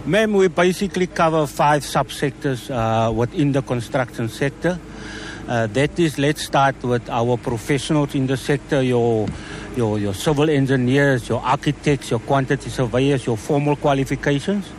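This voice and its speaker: A South African man with a mid-pitched voice answers questions in a live radio interview. He is courteous and explanatory, repeating words for emphasis over clear outdoor background noise. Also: moderate pace. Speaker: exhibitor, training authority representative. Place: outdoor event at a city square.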